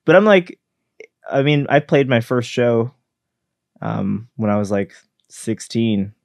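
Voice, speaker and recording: A man's voice: mid-range voice, lively intonation, slow, creaky, a little mellow, no echo, clean studio sound. A man in his thirties, a guest musician, chatting in an easygoing way and laughing often. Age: 30s. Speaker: band member guest. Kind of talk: casual chat.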